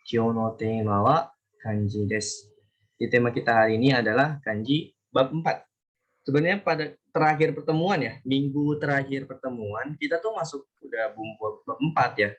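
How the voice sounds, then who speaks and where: A man from Indonesia teaching a relaxed online Japanese class, chatty and often correcting himself as he talks. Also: mid-range voice, normal speed, highs cut off. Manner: chatty, self-correcting, talks to students directly. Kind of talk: casual online class lesson.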